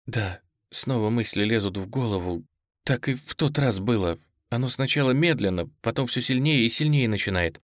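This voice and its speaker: A man's voice: medium pitch, expressive, normal speed, no room sound, clean studio sound, close to an everyday voice. A man voicing a frightened, tearful young woman who pleads in a trembling voice, in an audiobook reading. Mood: anxious.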